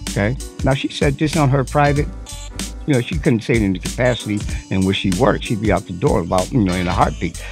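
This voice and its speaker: A man's voice: fairly low pitch, fast talker, music in the background. A man giving a profane, unscripted commentary monologue, talking animatedly and mocking the voices he quotes. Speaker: online commentary host.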